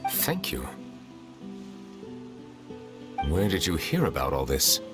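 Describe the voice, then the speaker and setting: A man's voice: very deep voice, wildly swooping pitch, moderate pace, full character voice. A man playing a solemn, dignified chief justice in a video game, speaking formally and with reserve. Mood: composed, polite. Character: solemn, dignified male chief justice, ancient water dragon. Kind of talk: video game character acting. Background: game music.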